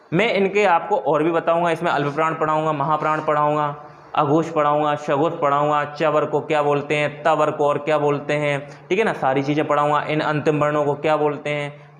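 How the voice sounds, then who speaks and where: A man's voice: on the high side, fairly bright tone. A man teaching a Hindi lesson, asking the class questions and answering them himself, repeating key terms. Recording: echoey room.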